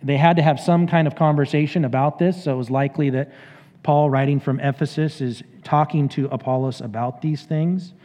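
A man's voice: fairly high pitch, brisk. Man preaching in an echoey church. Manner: conversational, animated paraphrasing of scripture. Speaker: pastor. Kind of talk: sermon.

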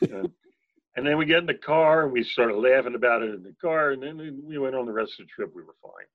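An older man telling long anecdotes as an interview guest, rambling, with quick asides and chuckles. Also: medium pitch, lively intonation, muffled recording. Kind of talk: anecdotal storytelling.

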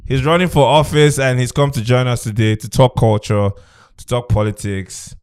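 A man's voice: mid-range voice, fairly even intonation, normal speed, a little mellow, smooth. A man with a Nigerian accent hosting a podcast in casual, teasing banter, often repeating his phrases. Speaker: podcast host.

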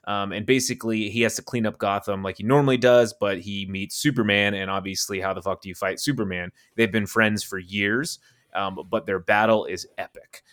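A low-pitched man talking loosely on a podcast about films he disliked. He rants, swears freely and breaks into incredulous laughs when something strikes him as absurd. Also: steady tone, fairly quick, fairly bright tone, clear, resonant tone. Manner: ranting, profane, laughs incredulously. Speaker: podcast co-host. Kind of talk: casual movie chat.

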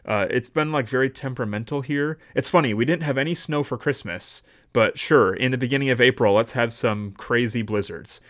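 A man's voice: medium pitch, a little fast, hardly any pauses, a bit bright. A man hosting a casual theology podcast, chatty and joking as he rambles through the intro. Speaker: podcast host.

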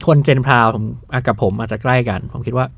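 Quick-talking male podcast host. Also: medium pitch, steady tone, gravelly, fairly bright tone, breathy edge, no room sound. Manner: inquisitive, probing questions. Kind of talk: casual discussion.

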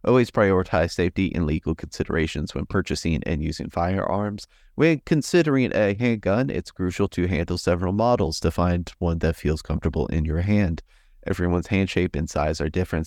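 A man doing a deep flat robot voice. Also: brisk, no room sound, studio quality. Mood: robotic. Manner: stiff, even robotic reading. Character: flat male robot reading AI-written advice. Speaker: host.

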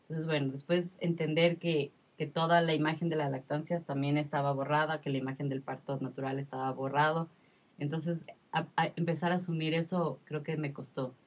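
Thirties woman, low husky voice, emotional and repetitive storyteller in casual talk. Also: level tone, fairly quick. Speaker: guest sharing her experience. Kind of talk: casual conversation.

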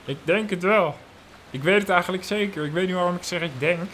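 A man voicing a calm, certain male wooden boat with a teasing, knowing singsong manner. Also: high-pitched, fairly quick, slight background noise, pitched above the performer's own voice.

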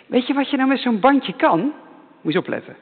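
A male pastor giving a lively children's sermon, repeating himself to keep the children's attention. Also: very high-pitched, a little fast, breathy edge, big-room sound, narrow, tinny audio. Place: church.

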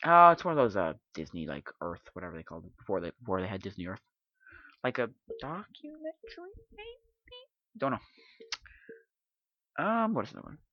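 A man hosting a podcast in casual chat, rambling and halting as he thinks aloud. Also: medium pitch, wildly swooping pitch, no room sound. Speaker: podcast host. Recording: dull lo-fi dry sound.

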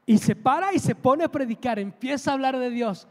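Preacher guy, really high voice, storytelling sermon, big hall echo. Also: animated, brisk. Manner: storytelling, emphatic, rising to loud preaching.

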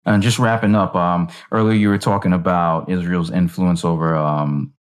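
A man's voice: sits low, fairly even intonation, moderate pace, clear, resonant tone. A man hosting an interview, asking questions with a curious, hesitant manner and frequent fillers. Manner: inquisitive, uses many fillers. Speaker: interview host.

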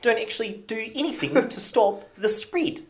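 A man's voice: high voice, sing-song, moderate pace, voice pushed up. An Australian man putting on a New Zealand accent, asking sarcastic questions in a raised voice. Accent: New Zealand, put on.

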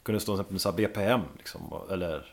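A man, a drummer, chatting casually as a guest and telling lively stories with plenty of casual swearing. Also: low-pitched, gravelly. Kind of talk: casual podcast chat.

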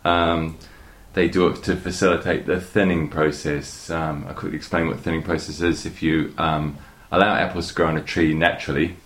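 Very deep-voiced New Zealand man. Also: fairly even intonation, normal speed, hardly any pauses, a bit bright. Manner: hesitant, many fillers and restarts. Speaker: guest. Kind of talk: casual interview talk.

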